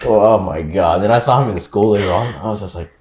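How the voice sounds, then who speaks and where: A man's voice: on the low side, fast, darkish tone, a little hiss or hum. A man guest on a podcast, telling a story in casual slangy chat and laughing along. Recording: echoey room.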